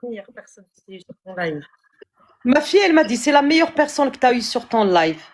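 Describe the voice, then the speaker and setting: A woman hosting a casual live stream, talking quickly and switching between French and English. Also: a little high, sing-song, slight background noise. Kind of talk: casual chat. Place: lives in England.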